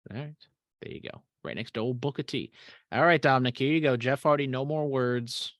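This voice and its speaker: A man's voice: medium pitch, a little fast, fairly bright tone, no room sound, clean studio sound. A man co-hosting a podcast, chatting casually and swearing freely, often trailing off into mumbles. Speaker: podcast co-host. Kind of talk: casual chat.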